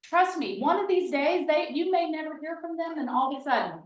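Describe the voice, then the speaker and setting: Woman, fairly high voice, folksy, emphatic trainer, distant mic, echoey meeting room. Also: expressive, fairly quick. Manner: folksy, emphatic, chatty asides. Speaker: real estate trainer. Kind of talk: lively training talk to a room. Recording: roomy, from off the mic.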